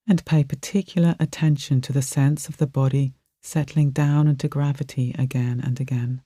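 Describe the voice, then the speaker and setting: In a mid-range voice that is warm and mellow, the speaker leads a guided meditation. The soothing, gentle phrases are given time to settle, recorded dry and close without any room echo.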